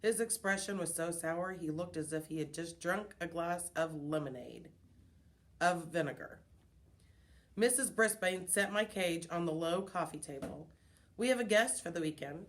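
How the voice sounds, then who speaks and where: A woman reading a children's chapter book aloud, in an expressive storytelling manner. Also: fairly low pitch, unhurried. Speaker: reader.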